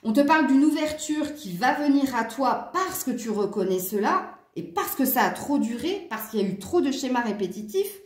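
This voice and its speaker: A woman's voice: high-pitched, lively intonation, normal speed, hardly any pauses, a little mellow, reverberant. A woman with a southern French accent giving a casual tarot reading to her viewers, chatty and rambling. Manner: chatty and rambling, with frequent fillers and asides. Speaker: tarot card reader.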